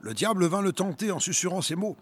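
A man's voice: high-pitched, big pitch swings, fast, a little hiss or hum. A man preaching and reading a testimony aloud with earnest, dramatic storytelling.

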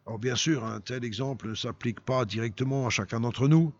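A man reading a story aloud in a sermon, with expressive, dramatic delivery. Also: mid-range voice, brisk, dry recording, muffled recording.

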